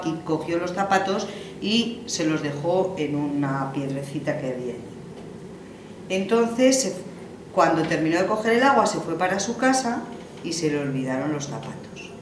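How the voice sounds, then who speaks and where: A woman's voice: sits low, expressive, moderate pace, background noise. A woman from Spain telling a traditional folktale in a homely way, with fillers and restarts. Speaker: storyteller. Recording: roomy, from a distance, faint ambience.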